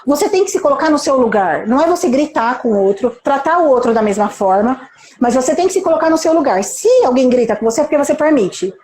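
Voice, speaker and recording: A woman's voice: high-pitched, expressive, quick pace, darkish tone, reverberant, slight background noise. A Brazilian Portuguese-accented woman, a nurse manager and mentor, giving an emphatic motivational talk on a live stream, full of rhetorical questions and acted-out quotes.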